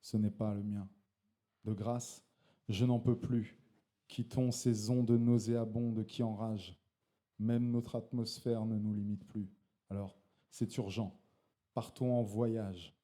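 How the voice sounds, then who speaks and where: Speaking slowly with frequent pauses, the man has a fairly low, level, mellow voice. Tipsy from beer, he performs his slam poem live as poet and co-host at a venue full of listeners, adding playful, laughing asides between verses.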